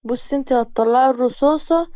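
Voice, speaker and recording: A woman's voice: high voice, fast, mellow, no room sound, dull audio, lightly acted. A woman with an Egyptian accent voicing a wounded man on the run who pleads urgently for help. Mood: urgent pleading. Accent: Egyptian Arabic.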